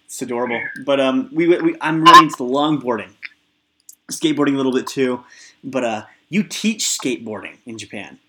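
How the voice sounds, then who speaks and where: A man with a middle-pitched, ordinary voice and a relaxed, loose way of talking. He chats easily, laughs often and drops casual asides. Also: brisk, noisy background. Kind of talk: casual chat.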